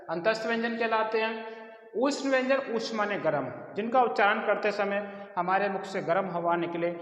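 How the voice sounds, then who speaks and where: A man's voice: high voice, a bit bright. A man teaching a Hindi grammar lesson who explains patiently and repeats key terms. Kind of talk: classroom lesson. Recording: echoey hall, dull lo-fi sound.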